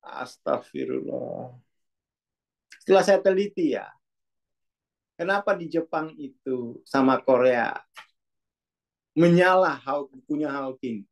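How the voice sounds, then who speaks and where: A Muna-speaking man talks about consciousness and self-development in a slow, gravelly, slightly high and expressive voice with long pauses. His casual, reflective monologue is musing and loose, self-correcting and full of asides.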